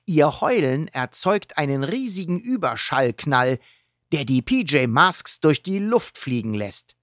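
Woman narrator for a kids' storybook, low voice, slow and lively, dry close sound. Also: no echo. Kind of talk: children's storybook reading.

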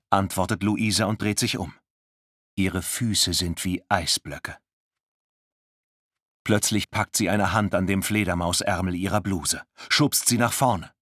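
A man narrating a thriller audiobook in a tense, measured studio reading. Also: on the low side, a bit bright, dry recording. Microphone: close studio mic.

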